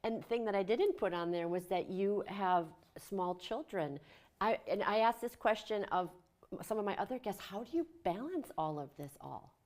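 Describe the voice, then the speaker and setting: A woman's voice: medium pitch, expressive, normal speed, a little mellow. Upbeat woman talk-show host. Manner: upbeat scripted introduction, then chatty. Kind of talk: community TV interview.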